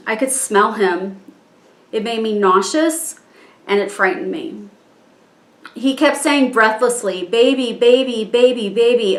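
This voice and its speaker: A woman reading her own written statement aloud in a measured, halting way, strained and struggling to keep her composure. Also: mid-range voice, fairly bright tone. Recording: echoey room.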